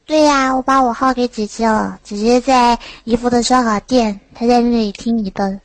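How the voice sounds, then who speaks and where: A woman's voice: on the high side, fairly even intonation, moderate pace, no echo. A woman calling into a live show and chatting casually with the host. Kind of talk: casual chat.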